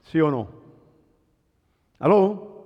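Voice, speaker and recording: A male pastor giving an animated sermon, often calling out questions to his congregation. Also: fairly high pitch, extremely slow, big-room sound, narrow, tinny audio. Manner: animated preaching, calls to the congregation.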